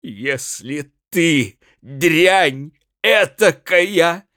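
A man's voice: animated, extremely slow, dry recording, studio quality, exaggerated voice. Man doing a drunk, raging jealous husband. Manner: shouting, berating, high strained yells. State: slightly drunk. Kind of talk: dramatic audiobook reading.

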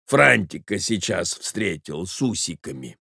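Male reader voicing a doddering elderly husband, low and gravelly, slow. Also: very animated, bright, forceful tone, no room sound, studio quality, heavily acted. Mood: fussy. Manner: slow, mumbling, coughing. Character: frail old male husband, doting and fussy.

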